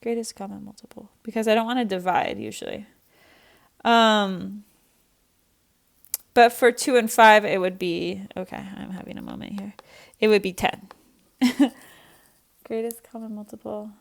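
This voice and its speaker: Chatty young woman teaching math, gravelly edge. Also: mid-range voice, animated, moderate pace. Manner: chatty and self-deprecating, thinking aloud. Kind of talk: recorded online math lesson.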